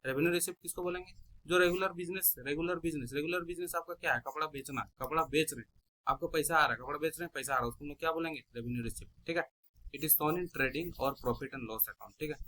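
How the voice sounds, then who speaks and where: Bright-voiced male accounting teacher. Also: medium pitch, fairly even intonation, fast talker, low-quality recording. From India. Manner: asks the class questions and answers them, repeats key terms. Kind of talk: classroom lecture explaining terms.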